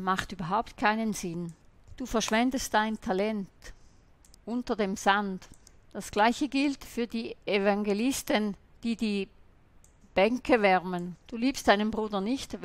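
A woman's voice: mid-range voice, no echo. A woman voicing a sermon in translation, preaching in an emphatic, admonishing way.

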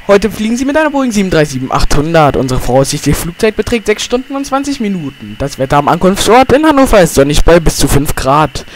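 Pilot giving a formal cabin announcement, male, lively slightly high voice, trips on the numbers. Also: fast talker, hardly any pauses, slight background noise. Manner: stumbles over flight numbers and restarts. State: making a cabin announcement to passengers. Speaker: airline pilot.

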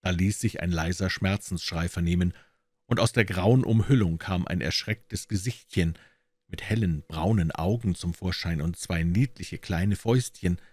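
A man narrating a classic detective novel as an audiobook reader, in measured storytelling with lively emphasis. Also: deep voice, breathy edge, dry recording. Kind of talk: scripted narration.

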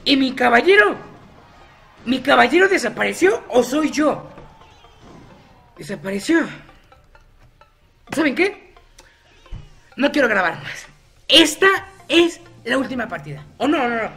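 A man's voice: very high-pitched, big pitch swings, unhurried, vocal fry, long pauses, pushed and bright, faint music behind. A man commenting on his own gameplay, chatty and teasing his opponents by name. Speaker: gaming YouTuber.

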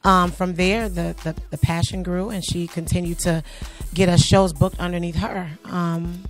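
A middle-aged singer and youth arts instructor with a naturally raspy, fairly low voice answers interview questions at a moderate pace, relaxed and chatty, trailing off with many fillers and light laughs. She's recorded in a small studio in front of a logo backdrop on a handheld mic held by the interviewer, with soft background music.

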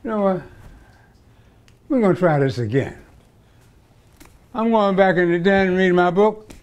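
A man's voice: sits high, moderate pace, lo-fi sound, natural voice. An actor playing a stubborn middle-aged father who scolds and grumbles at his son. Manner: scolding, repeats calls, shouts the name. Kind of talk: comedy sketch acting.

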